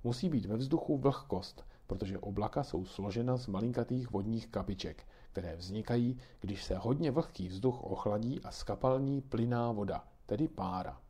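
Muž hrající laskavou babičku, trpělivě vysvětluje dětem, tlumený hlas, pohádková kniha. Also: male voice, fairly low pitch, hardly any pauses, husky. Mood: patiently explaining. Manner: patient, gently explaining. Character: kindly grandmother explaining weather to children.

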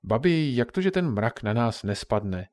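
A man's voice: mid-range voice, very animated, darkish tone, no room sound, close to an everyday voice. A man voicing an eager, curious young boy with a noticeably raised voice.

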